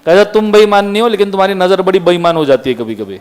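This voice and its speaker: Man, high-pitched, stern classroom lecturer, quizzing students. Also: sing-song, fast, a little mellow, clean tone. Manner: strict, scolding students, firing questions at the class. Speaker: law lecturer.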